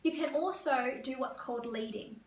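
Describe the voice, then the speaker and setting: A woman career coach from Australia, explaining interview tips to camera in a fast, lively way. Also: high voice. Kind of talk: teaching to camera. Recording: echoey room, voice a bit far.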